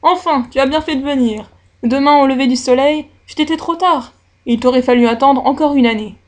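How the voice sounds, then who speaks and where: A woman's voice: high voice, brisk, natural voice. A woman voicing a scornful old female sea witch in a storybook reading, speaking in a blunt, mocking and threatening way. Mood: menacing.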